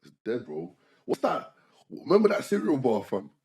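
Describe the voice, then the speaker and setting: A man's voice: medium pitch, normal speed, noisy background. A young man, telling a story in casual slang and acting out the people in it as a podcast co-host. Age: young adult. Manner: animated storytelling in slang, quoting others. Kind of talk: casual chat. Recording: echoey room.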